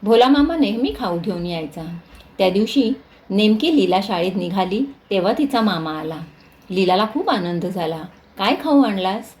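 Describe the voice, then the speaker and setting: A woman reading a children's textbook lesson aloud in a clear, steady way. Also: mid-range voice, normal speed. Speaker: reader of a school lesson.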